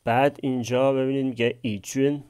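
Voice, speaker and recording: A man's voice: mid-range voice, level tone, darkish tone, clean tone. A man teaching a language class, explaining a text phrase by phrase and posing questions he then answers himself. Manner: asks and answers his own questions.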